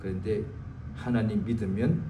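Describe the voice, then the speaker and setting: A male pastor preaching a sermon in a church, dramatic, swinging from loud exclamations to low muttered asides. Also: fairly even intonation, normal speed, background noise. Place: church sanctuary. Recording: echoey church hall, distant mic.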